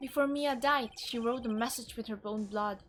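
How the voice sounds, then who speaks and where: Woman streamer, reading game text aloud, high voice, slow pace, faint game music behind. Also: fairly bright tone.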